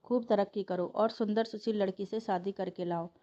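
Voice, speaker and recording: Kindly middle-aged mother figure as a woman reads her, fond, blessing, mellow voice, lo-fi sound. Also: mid-range voice, fairly even intonation, moderate pace, lightly acted.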